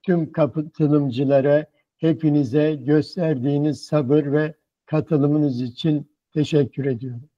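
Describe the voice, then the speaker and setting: A man's voice: a little high, fairly even intonation, slow. A man, chairing a conference, giving a formal closing speech in a solemn, declarative way. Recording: dull, muffled audio.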